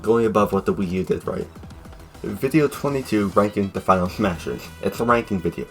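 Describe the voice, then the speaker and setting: A young man casually narrating a fan video review, jokey and rambling, with sudden loud outbursts. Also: on the low side, fairly quick, soft background music.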